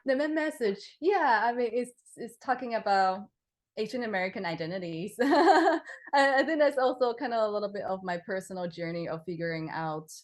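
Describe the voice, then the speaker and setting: A young Taiwanese woman, a composer, answers interview questions in a relaxed, hesitant manner full of fillers, restarts and frequent laughter. She speaks at a normal speed with a medium pitch.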